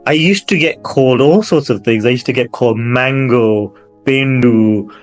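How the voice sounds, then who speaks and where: Middle-aged guy hosting a chat, stops and restarts a lot, soft music behind. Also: mid-range voice. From Pakistan, raised in the UK. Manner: casual, halting, many restarts. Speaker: podcast host. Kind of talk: conversational interview.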